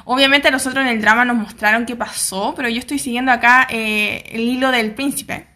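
A woman's voice: fairly high pitch, steady tone, fairly quick, sharp tone. A young Chilean woman with a Chilean accent, casually retelling a drama's plot in a chatty way and acting out the characters' lines. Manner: chatty, acts out characters' lines, slangy asides.

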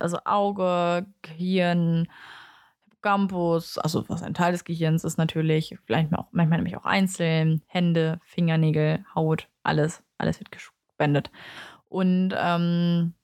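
With a fairly low voice, a young native German-speaking woman chats her way through a book review, keeping it relaxed and frank while frequently correcting herself.

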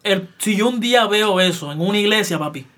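Heated high-voiced man. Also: fairly quick, a little hiss or hum. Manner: heated, animated, keeps saying "papi" and "loco". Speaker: podcast co-host. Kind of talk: casual podcast chat.

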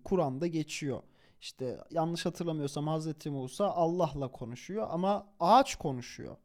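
A young man with a notably high-pitched voice tells a story in a relaxed, conversational way. He is animated and chuckles easily. He drops in slang and corrects himself mid-phrase. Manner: animated, chuckles while telling; informal slang, self-corrections. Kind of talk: casual spoken storytelling.

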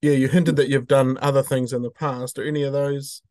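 A man's voice: medium pitch, level tone, a little fast, mellow, dry recording, studio quality. A man with a New Zealand accent hosting a reflective programme and interviewing a guest. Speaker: host, school chaplain.

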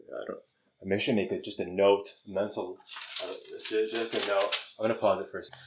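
Rambling, low-voiced man brainstorming. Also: slight background noise. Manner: rambling, self-correcting, laughs often. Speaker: podcast co-host. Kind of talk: casual brainstorming chat.

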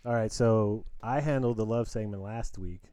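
A man's voice: fairly low pitch, normal speed, warm tone, dry recording. A man co-hosting a podcast in casual, playful chat, laughing often. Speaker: podcast co-host.

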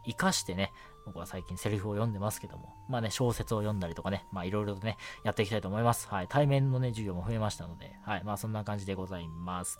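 This radio host is a young adult man and amateur voice actor with a lowish, slightly mellow voice. Hosting a casual solo show with background music, he chats politely and often adds short affirmations.

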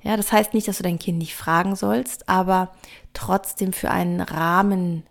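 Female podcast host, low voice with vocal fry, calm and earnest advice-giver. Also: moderate pace. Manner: earnest, reflective, lists points calmly. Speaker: podcast host and parenting author. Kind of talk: advisory podcast monologue.

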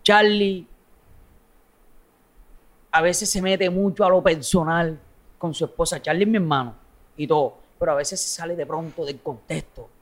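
A man's voice: fairly high pitch, normal speed, long pauses. A man with a coastal Colombian accent chatting casually in an interview, blunt, slangy and foul-mouthed. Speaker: social media content creator being interviewed.

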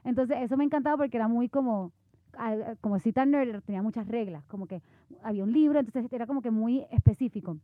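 Una mujer de Puerto Rico con acento puertorriqueño, que conversa animada y entre risas, mezclando palabras en inglés. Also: female voice, a little high, fast, no room sound. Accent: Puerto Rican Spanish. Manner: lively, laughing, mixes in English words. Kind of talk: casual chat. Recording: phone-like, dry sound.

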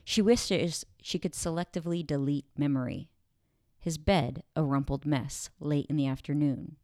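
A woman reading literary fiction aloud in a measured, deliberate way, drawing out pauses between phrases. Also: sits low, dark tone, no echo, clean studio sound. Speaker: narrator. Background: background music.

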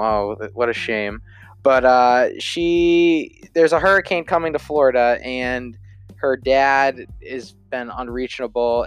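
A man's voice: medium pitch, clean tone. A man giving a casual spoken film review, rambling with lots of fillers and self-corrections.

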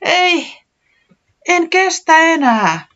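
A storybook reader voicing a small sick chick who frets and exclaims in a high voice. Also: highs cut off. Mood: excited. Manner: high, excited and complaining. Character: small sick worried chick, easily upset.

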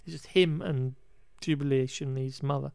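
A man chats through a film recap in a loose, meandering way, trailing off and restarting as he pokes fun at what he saw. His voice sits at an ordinary middle pitch. The recording is dry and close, with no room sound around him. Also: steady tone, moderate pace, vocal fry, darkish tone, smooth, no room sound. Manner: rambling, wry and exasperated, with frequent restarts and laughs; occasional swearing. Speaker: podcast host recapping a film. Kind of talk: casual chat.

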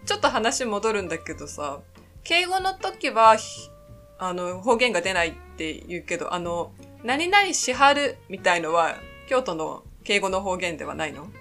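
A woman from Hokkaido co-hosting a casual chat podcast, speaking calmly and thoughtfully with many soft nods of agreement. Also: fairly low pitch, normal speed, soft background music. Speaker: podcast co-host.

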